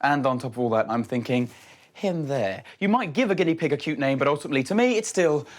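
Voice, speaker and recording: A man presenting a home-selling show with a very lively, sing-song voice. He tours the house chatting to camera and keeps dropping cheeky puns and mock-dramatic remarks. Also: on the high side, rapid-fire, no echo. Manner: playful, punning, theatrical asides. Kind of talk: jokey TV presenting and narration.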